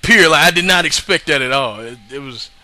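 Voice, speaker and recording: Bright-voiced man rambling through a recap. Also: fairly high pitch, lively intonation, fast. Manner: rambling, keeps saying "you know what I mean"; profane, slangy. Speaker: show reviewer.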